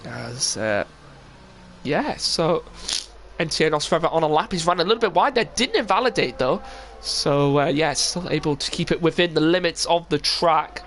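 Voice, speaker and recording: Over slight background noise, a fairly high, bright, expressive male voice talks at a moderate pace. The young man is sniffly with a cold, casually commentating a sim racing stream and rambling with many fillers.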